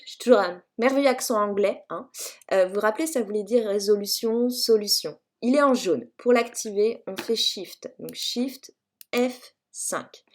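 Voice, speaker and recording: A woman's voice: mid-range voice, moderate pace, darkish tone. A woman teacher talks her class through a math exercise on a graphing calculator in a recorded lesson. She explains each step in a chatty, informal way, peppering her talk with little fillers and teasing herself as she goes. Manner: chatty and self-mocking, frequent "hein" and "euh", explains step by step.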